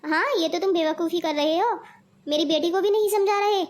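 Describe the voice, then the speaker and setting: A woman's voice: very high-pitched, brisk. A woman voicing a scolding, preachy middle-aged mother in a cartoon. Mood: lecturing. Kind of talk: cartoon voice acting.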